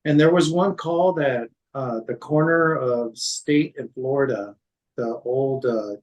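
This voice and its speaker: A man's voice: mid-range voice, rough recording. A man, a former city code manager, recounting past workplace events in an interview, with frequent restarts and quoted dialogue. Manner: halting, many restarts and fillers, quotes others in dialogue.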